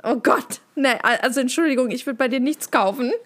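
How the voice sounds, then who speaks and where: A woman in her thirties with a fairly high voice trades blunt, teasing remarks in a relaxed podcast chat. She laughs easily and doesn't mince words. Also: a little fast. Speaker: podcast co-host. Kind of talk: casual chat.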